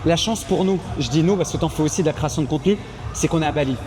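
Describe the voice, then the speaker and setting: A young expat coach from France chats casually and emphatically while giving a home tour, talking rapid-fire in a high, slightly mellow voice. He restarts often, and soft music plays in the background.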